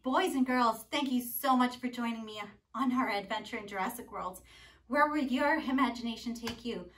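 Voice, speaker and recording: A young woman teacher leading young children through a playful pretend exercise adventure, calling out actions with animated energy. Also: on the high side, normal speed, distant mic, slight background noise. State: out of breath. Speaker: preschool teacher. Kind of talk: children's movement and drama lesson. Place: home.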